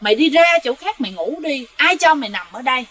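A woman's voice: high-pitched, expressive, fast, a bit bright, breathy edge, exaggerated voice. Woman doing a fierce old ghost woman. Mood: scolding. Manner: scolding, threatening.

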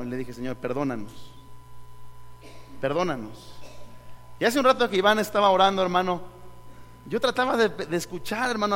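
A man's voice: on the high side, long reverb tail, a little hiss or hum. A male pastor with a Mexican Spanish accent preaching a sermon, telling a dream as a story and calling listeners "brother". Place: church service hall.

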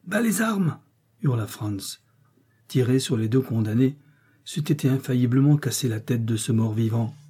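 A man narrating an adventure novel in a measured, dramatic way. His voice is dark and husky, with a mid-range pitch. He keeps a steady, even reading pace. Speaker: audiobook reader. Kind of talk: literary narration.

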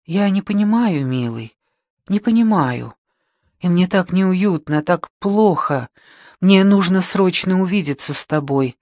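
A man reading the part of an anxious young woman who speaks in a soft, pleading way. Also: sits high, animated, unhurried, dry recording, clean studio sound.

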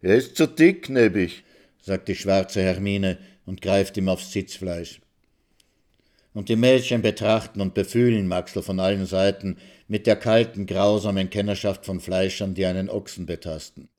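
A man reading a literary short story aloud in a calm, measured way. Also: sits low. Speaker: reader of a short story on radio.

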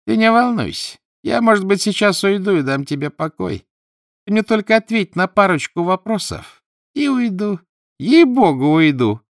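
A man voicing a mocking devilish apparition disguised as an old woman, with a shrill, squeaky voice and a sly, teasing manner. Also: sing-song, moderate pace, no room sound, studio quality. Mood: wheedling.

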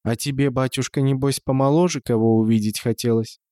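A man voicing a frail, bedridden old spinster woman who speaks in a creaky, sighing, folksy way. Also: mid-range voice, fairly even intonation, brisk, dark tone, no room sound, studio quality, natural voice. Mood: grieving.

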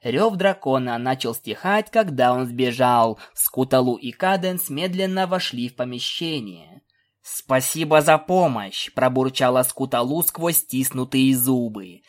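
A narrator reading fan fiction aloud in an expressive, animated way. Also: medium pitch, unhurried, few pauses.

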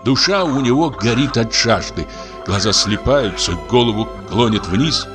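A man calmly narrating a story in an audiobook, in a measured way. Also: medium pitch. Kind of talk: audiobook reading. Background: music.

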